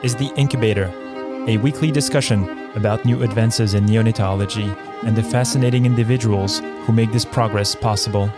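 A man's voice: on the low side, steady tone, a little fast, over music. A man hosting a podcast, introducing and questioning a guest with a friendly, slightly hesitant manner. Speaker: podcast host. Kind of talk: podcast interview.

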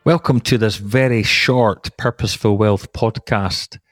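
Man, lowish voice, podcast host, scripted narration, formal and measured, dry close sound. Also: fairly even intonation, no room sound, soft background music.

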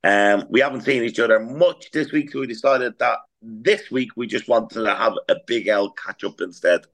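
A man co-hosting a podcast, talking in a relaxed way and prompting his partner. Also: medium pitch, moderate pace. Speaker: podcast co-host. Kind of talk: casual chat.

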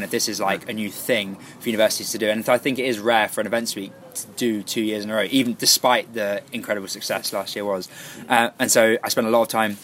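A young man chats casually as an interview guest. His voice sits a little low and he speaks fast, with light ambient noise around him. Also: a bit bright. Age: young adult. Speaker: student team leader being interviewed.

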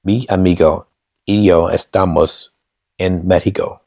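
Deep gravelly man, slow and hesitant. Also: steady tone, a little mellow, dry recording, clean studio sound. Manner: hesitant, self-correcting beginner reading phrases aloud. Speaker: language learner vlogger. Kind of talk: casual self-recorded practice. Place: at home on a couch.

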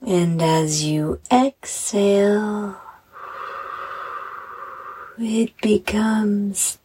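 A woman guiding a bedtime meditation like a sleep story narrator, in a soft, soothing, hushed voice with breathy phrase endings. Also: mid-range voice, poor audio. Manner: soothing, hushed, gentle delivery with breathy trailing phrase ends. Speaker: host and meditation guide.

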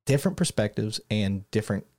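Man, low-pitched podcast host, loose and chatty, restarts a lot. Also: big pitch swings, fairly quick, darkish tone. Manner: rambling, self-interrupting, laughs easily. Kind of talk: casual chat.

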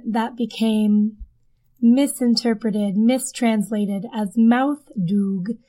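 Recorded on a desk microphone under a blanket in a den blanket fort, this audio is low in quality. The host, a woman with a mellow, medium-pitched voice, tells stories for her podcast in a loose, chatty way that circles around.

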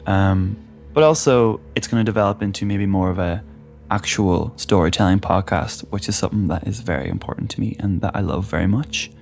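Low-voiced man hosting a podcast. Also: fairly quick, vocal fry, darkish tone. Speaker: podcast host. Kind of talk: scripted podcast introduction. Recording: spooky music underneath. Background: spooky background music.

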